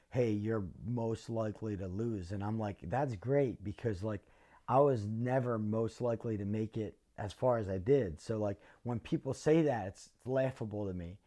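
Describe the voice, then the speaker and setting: A middle-aged man speaks in a lowish, mellow voice. He answers reflectively and earnestly, with frequent pauses and filler words between his thoughts. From North Philadelphia. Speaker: interviewee, former fighter.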